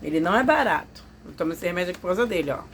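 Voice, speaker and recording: A woman's voice: lowish voice, animated, very fast, a little hiss or hum. A woman telling a personal testimony to her viewers, confiding and emotional, acting out what others said. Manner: confiding, emotional storytelling that acts out others' voices. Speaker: vlogger telling a personal story.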